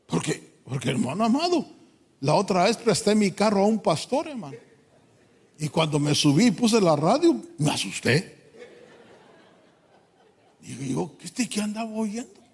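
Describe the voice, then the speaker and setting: A man preaching a sermon in church, fervent, swinging from quiet asides to loud pleading. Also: sits high, sing-song, moderate pace, slightly rough. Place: church hall. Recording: long hall reverb.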